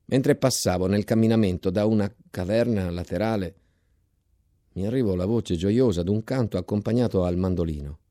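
Man, low dark voice, dry close studio sound, measured dramatic literary reading. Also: no echo. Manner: measured, dramatic storytelling delivery. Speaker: reader of a novel. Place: radio studio.

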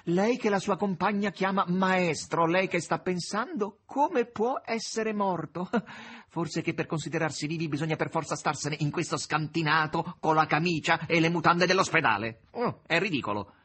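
Male reader as sly demon henchman, husky and theatrical, audiobook read-aloud. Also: on the high side, normal speed, bright, forceful tone, pitched above the performer's own voice. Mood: mocking. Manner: mocking, theatrical.

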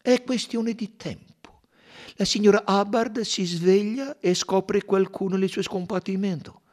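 A man's voice: high voice, steady tone, darkish tone, voice pushed up. Poirot, a man doing a fussy old detective. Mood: knowing. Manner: measured, knowing, explanatory. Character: fussy elderly Belgian male detective. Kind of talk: audiobook reading.

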